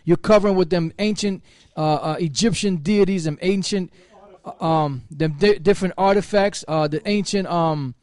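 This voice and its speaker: Higher-voiced man reading scripture, scolding. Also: moderate pace, darkish tone, no echo. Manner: scolding, hesitant with fillers. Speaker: speaker in a religious open forum.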